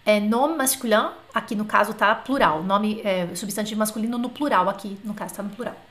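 A woman teaching French in a live online class, chatty, asking questions and dictating words slowly. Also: medium pitch, a bit bright. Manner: slow, drawn-out dictation of example words.

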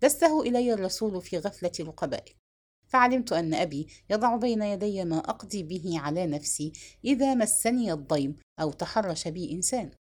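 A woman reading the part of a young, proud captive princess who gives curt, cold, sharp replies. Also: lowish voice, lively intonation, fairly quick. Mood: defiant.

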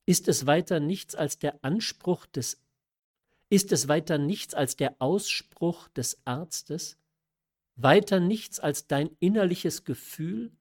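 A man's voice: fairly high pitch, slow, voice pushed up. A man reading aloud who voices a stern, reproachful aristocratic mother in a classic story. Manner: reproachful, agitated. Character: stern aristocratic mother, middle-aged woman. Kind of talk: audiobook reading of a classic novella.

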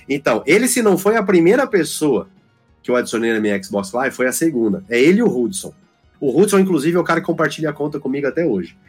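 A chatty man with a rolled countryside Brazilian R, speaking in a fairly high register. He tells his story animatedly and slips into voices for the people he quotes, with faint music under the talk. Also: very animated, fast talker, slightly rough. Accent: Brazilian countryside, strong rolled R. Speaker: podcast guest. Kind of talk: casual chat.

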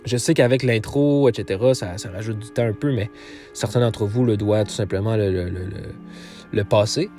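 A Quebec man with a Quebec French accent closes out his solo podcast in a casual, mellow voice pitched fairly low, speaking at a normal speed with lots of fillers and restarts. Faint music plays behind him.

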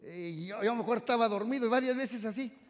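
A man from Mexico preaching a sermon in a church, swinging from loud exclamations to soft, stretched-out phrases. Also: very high voice, fast, slight background noise. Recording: reverberant hall sound.

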